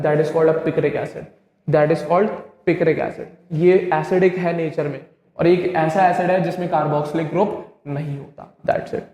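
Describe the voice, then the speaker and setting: A male chemistry teacher, lecturing an online class. He keeps asking students if things are clear and answers his own questions. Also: fairly high pitch, darkish tone. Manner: drilling, asks questions and answers them himself. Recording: very echoey classroom with long reverb.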